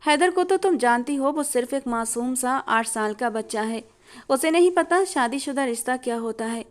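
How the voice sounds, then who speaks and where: A woman voicing an aging, wealthy matriarch who speaks in a slow, measured, persuasive way. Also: high-pitched, lively intonation.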